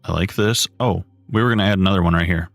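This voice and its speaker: Male streamer, thirties, deep and low, relaxed rambling chat, dry close mic. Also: fast, creaky, dry recording. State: has the hiccups. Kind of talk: casual live-stream chat while building. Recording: dry close mic, faint music behind.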